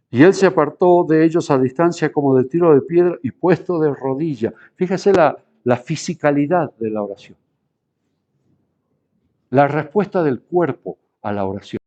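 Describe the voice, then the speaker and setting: Middle-aged male pastor, lively sermon delivery, warm mellow voice, slightly muffled recording. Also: fairly high pitch. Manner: animated preaching that shifts between hushed and raised.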